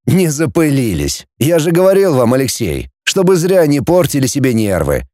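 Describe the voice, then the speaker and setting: A dry, mocking old professor, as a male narrator puts him on, stern and commanding in a storybook reading. His voice is dark and warm, with lively pitch, heard close and dry. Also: moderate pace, no room sound, lightly acted. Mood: wry.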